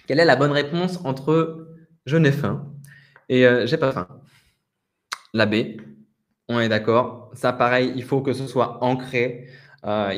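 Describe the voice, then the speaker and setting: A man teaching a live webinar lesson, relaxed and chatty, often laughing. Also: mid-range voice. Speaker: French teacher.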